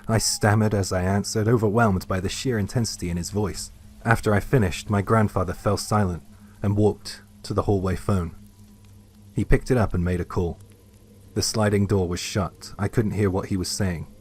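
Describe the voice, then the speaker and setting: A man telling a first-person horror story in a slow, hushed, scripted narration. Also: on the low side, fairly even intonation, slight background noise.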